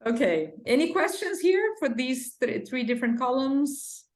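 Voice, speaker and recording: A woman's voice: high-pitched, expressive, measured pace, a little mellow. A woman with a Brazilian Portuguese accent, patiently teaching an English lesson and drilling pronunciation. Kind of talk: one-on-one language lesson. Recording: roomy echo.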